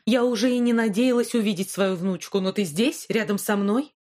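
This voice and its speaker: A firm, loving old grandmother, stern when she scolds and gentle when she reassures, as a woman voices her in an audiobook. Her steady voice dips a little lower and softer in the tender moments. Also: moderate pace, lightly acted. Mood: reassuring. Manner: warm but stern, reassuring. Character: caring, firm elderly grandmother. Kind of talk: audiobook character voice.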